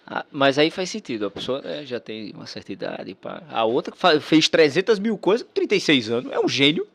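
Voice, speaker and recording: A man's voice: medium pitch, wildly swooping pitch, a little fast, vocal fry, no room sound. A man giving slangy, sarcastic react commentary on a debate video.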